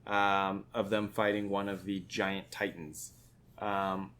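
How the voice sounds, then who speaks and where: A man's voice: sits low, flat delivery, slow, a bit bright, slight background noise. A man co-hosting a podcast in casual chat, rambling and filling his talk with "um". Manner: rambling, many fillers and restarts. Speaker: podcast co-host.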